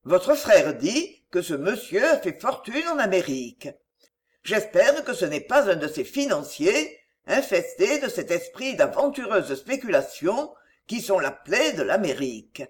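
A stern, pompous old country rector from a storybook, lecturing with indignant moral weight, as a reader puts him on. His pitch swings widely as he sermonizes. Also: very animated, a little slow. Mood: sermonizing.

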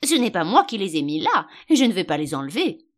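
A woman's voice: fairly low pitch, sing-song, fast talker. A woman doing a snappish old knitting sheep. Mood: huffy. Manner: snappish, scolding, loud. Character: cross old female sheep shopkeeper knitting.

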